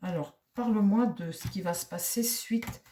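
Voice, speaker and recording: A woman's voice: medium pitch, moderate pace, warm tone, recorded from a distance. A woman tarot reader talking to her viewers in a heated, indignant way, often repeating herself. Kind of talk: casual monologue to viewers. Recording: roomy echo, mic set back.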